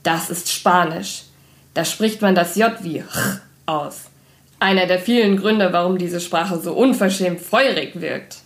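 Woman reading as gentle tired lab boss, hushed, lower voice, storybook. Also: unhurried, roomy sound. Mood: explaining. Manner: soft, low, sighing. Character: kindly, weary male ex-lab boss, gentle.

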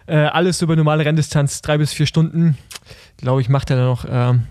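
A man's voice: a little high, steady tone, brisk, darkish tone, dry recording, clean studio sound. A man co-hosting a casual podcast chat, talking loosely with frequent fillers and leading the segments. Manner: conversational, hesitant fillers, leads segments. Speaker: podcast co-host. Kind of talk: casual chat about cycling.

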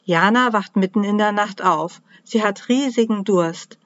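A woman's voice: medium pitch, unhurried, no room sound. Upbeat lady reading a kids story, kinda muffled dry recording. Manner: cheerful, lively storytelling. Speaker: children's book author reading a story. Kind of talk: storybook read-aloud for children.

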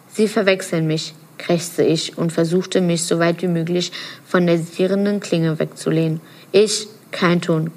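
A woman reading a first-person novel passage aloud, earnest and now and then stumbling and correcting herself. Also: on the low side. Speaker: reader of a novel excerpt.

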